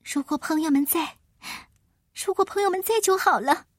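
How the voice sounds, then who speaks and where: A woman's voice: very high voice, moderate pace, no room sound, studio quality, voice pushed up. A woman voicing a timid, earnest young girl in a children's storybook. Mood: anxious.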